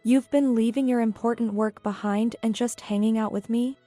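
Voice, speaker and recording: A man's voice: extremely high pitch, steady tone, normal speed, warm tone, dry recording, soft background music, voice pushed up. A man voicing an injured young woman gang leader, faint and strained, in a storybook narration. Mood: curt.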